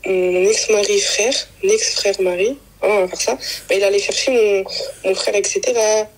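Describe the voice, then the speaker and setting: A young woman recounts her story in loose, slangy talk, circling back and repeating herself. Her voice is husky, and she slips into the voices of the people she quotes. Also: mid-range voice, steady tone, low-quality recording. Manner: rapid colloquial slang, repeats herself, acts out quoted dialogue; emotional, in denial. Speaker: guest telling her own story. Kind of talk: casual confessional chat.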